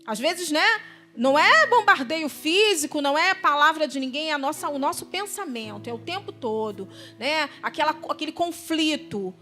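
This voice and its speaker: A woman delivers a heartfelt sermon at a church service, her voice sitting high. She speaks like she is chatting with friends, often asking her listeners if they follow. Soft music drifts faintly beneath her words. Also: animated, moderate pace. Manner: conversational preaching, often asking "right?" and "you know?". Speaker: deaconess preaching.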